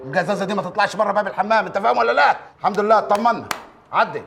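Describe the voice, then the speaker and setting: A man's voice: high-pitched, gravelly, a bit bright, slight background noise. A brash, bossy Egyptian doorman. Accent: Egyptian, Upper Egyptian flavor. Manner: brash, bossy, comic, quick. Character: nosy building doorman, comic busybody. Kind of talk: TV comedy series acting.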